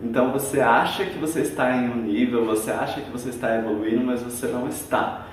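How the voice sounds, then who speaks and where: A man's voice: mid-range voice, fairly even intonation, fast talker. A Brazilian man teaches a video lesson, patiently laying out examples one at a time. His voice rings in a very roomy space, picked up from well back from the microphone, with a faint hiss underneath. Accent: Brazilian Portuguese. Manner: didactic, spells out examples step by step. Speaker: English teacher. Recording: very echoey room, far from the mic.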